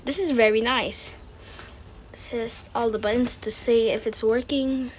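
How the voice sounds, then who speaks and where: Handling items in a wooden-floored room indoors, a woman hosting a casual unboxing keeps her remarks short and repetitive. Her pitch is fairly high, her intonation fairly even, and her pace a bit slow, with clicks and handling noise in the recording.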